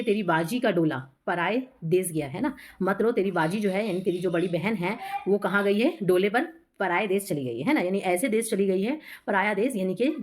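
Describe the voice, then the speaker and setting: A woman teaching a poem to students, explaining each line slowly in a voice with inflection, often adding "hai na" and repeating herself. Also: medium pitch, darkish tone.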